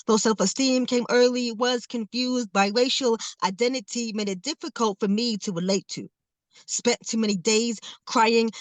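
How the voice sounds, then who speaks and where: A guest around forty, this woman delivers a rhythmic, emphatic spoken word poem, laughing between phrases, before moving into casual, laughing talk. Her fairly high voice has no echo; she mentions a stutter, but none can be heard.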